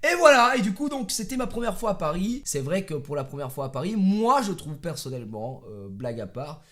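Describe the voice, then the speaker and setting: A man vlogger telling a comic story to his viewers in a lively way, breaking into shouted bursts. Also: high voice, a little fast. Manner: animated, swings into shouting bursts.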